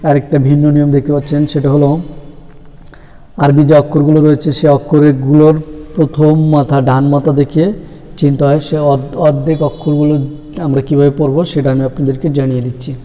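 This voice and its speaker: A man gives a slow, patient lesson, naming Arabic letters one at a time and drawing some out in a chant. His voice sits fairly high but stays flat and even, with a mellow, smooth tone. A long reverb trails after each word. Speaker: Quran reading teacher.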